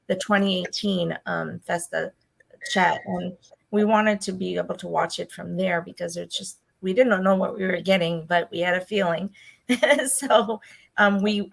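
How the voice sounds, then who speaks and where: Gravelly-voiced woman hosting a video chat. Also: fairly low pitch, poor audio. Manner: chatty, rambling, laughs often. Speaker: host. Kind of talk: casual fan chat. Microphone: video call.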